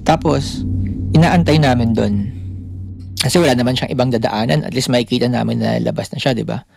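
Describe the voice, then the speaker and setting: A man's voice: mid-range voice, fairly quick, vocal fry, over music. A man co-hosting a podcast, telling a story in casual chat and acting out the voices of the people in it. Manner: animated storytelling, acting out quoted lines. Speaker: podcast co-host.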